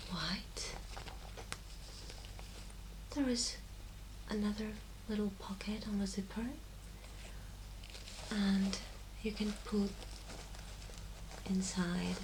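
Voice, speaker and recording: Woman, soft breathy voice, ASMR role-play, gentle shop assistant, slow delivery, clear background noise. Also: mid-range voice. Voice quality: soft, breathy voice, often soft-spoken.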